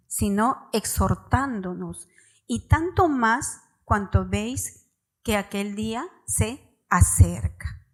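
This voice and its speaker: A woman's voice: mid-range voice, poor audio. A woman preaching a sermon at a church service, speaking straight to the parents and stressing her key words. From Peru.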